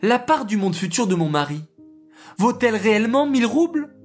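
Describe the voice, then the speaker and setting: A storyteller voicing a merchant's wife, an insistent, indignant woman, in a high, demanding tone. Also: big pitch swings, fairly quick, faint music behind. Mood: polite asking.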